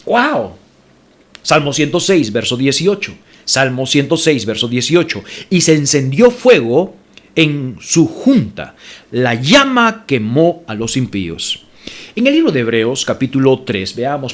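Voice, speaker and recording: A man's voice: medium pitch, big pitch swings, a little slow. A male pastor preaching a sermon to his congregation, addressing them as brothers, repeating scripture references and rising sharply when indignant.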